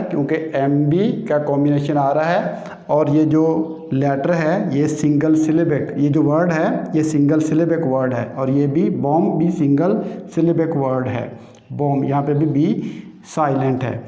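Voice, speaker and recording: A man's voice: a little high, steady tone, a little slow, mellow. A man teaching English pronunciation rules, explaining patiently step by step and repeating each key term. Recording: echoey room, dull lo-fi sound.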